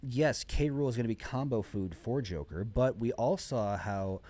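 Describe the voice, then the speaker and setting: A man's voice: mid-range voice, moderate pace, mellow. A man commentating live on a video game match in an esports caster style, talking at length through the plays. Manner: esports caster delivery, talkative, exclaims over plays. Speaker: esports commentator, also a player. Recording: music behind the voice.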